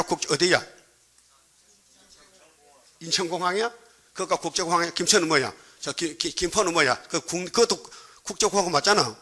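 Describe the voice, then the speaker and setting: A man's voice: fairly high pitch, sharp tone. A male pastor with a Gyeongsang Korean accent preaches a sermon in a colloquial, joking way, constantly prodding the congregation with questions.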